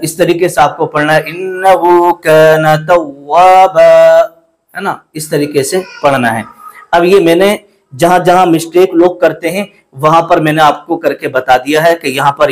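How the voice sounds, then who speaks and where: A man teaching correct recitation, speaking slowly and deliberately, repeating words to fix common mistakes and chanting verses between explanations. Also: fairly high pitch, rough recording.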